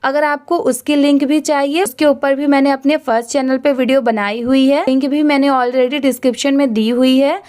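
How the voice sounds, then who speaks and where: A woman's voice: sits high, level tone, moderate pace, hardly any pauses, a little mellow. A woman teaching English reading who spells words letter by letter and then blends them, explaining patiently and with encouragement. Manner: patient, encouraging explanations with many rhetorical questions.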